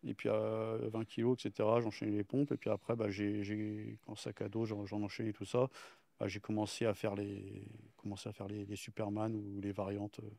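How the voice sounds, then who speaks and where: A man's voice: lowish voice, little pitch movement, moderate pace, creaky, warm tone, no echo. A man, the guest athlete, explaining his training in a casual chat, often hesitating and restarting his sentences.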